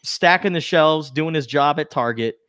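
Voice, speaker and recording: A man's voice: fairly high pitch, moderate pace, a bit bright, clear, resonant tone, no room sound, clean studio sound. A man hosting a podcast in easygoing casual chat, chuckling often. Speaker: podcast host.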